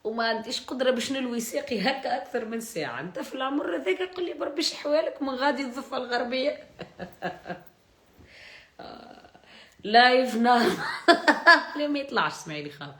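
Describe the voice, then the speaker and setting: A woman's voice: high-pitched, animated, fast, long pauses, bright, forceful tone. A woman with a Tunisian accent chatting on a live stream, joking and mocking, and laughing often. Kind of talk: casual live-stream chat. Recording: roomy echo.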